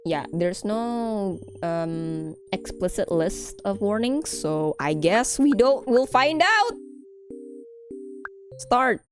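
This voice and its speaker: A woman's voice: medium pitch, lively intonation, slow pace, hardly any pauses, music in the background. A young woman streaming a visual novel, chatting, giggling and reading the game text aloud in a rambling way. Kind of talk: casual game commentary.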